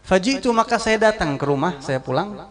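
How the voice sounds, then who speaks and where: A middle-aged man, an Islamic preacher, telling a story in a lively sermon. He quotes Arabic phrases, explains them, and asks his listeners questions. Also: sits high, brisk.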